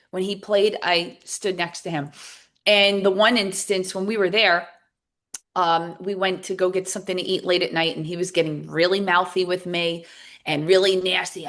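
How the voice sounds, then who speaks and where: Candid woman guest, lowish voice. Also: fairly bright tone. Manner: candid, acts out both sides of past conversations. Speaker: guest author and recovery coach. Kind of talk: podcast interview storytelling.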